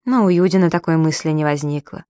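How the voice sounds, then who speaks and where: A woman narrating a novel in a measured, storytelling manner. Her voice sits on the low side and the recording is dry and close, with no room sound. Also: warm tone, no echo. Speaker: audiobook narrator. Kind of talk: audiobook narration.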